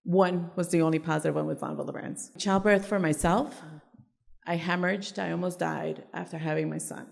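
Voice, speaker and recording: In a live group discussion, a woman from Ecuador shares her personal story candidly and emphatically. Her voice is fairly low, steady, fairly quick and creaky. The conference room at the event gives it a long reverb.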